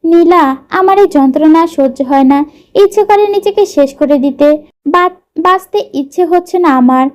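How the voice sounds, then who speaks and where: A woman voicing a gentle young wife who speaks tearfully and pleadingly, reading a romance story. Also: very high-pitched, a little slow, soft background music.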